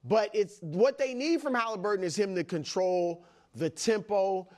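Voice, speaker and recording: A man co-hosting a studio sports debate, laying out his view in a measured way and agreeing often. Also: high-pitched, a little mellow.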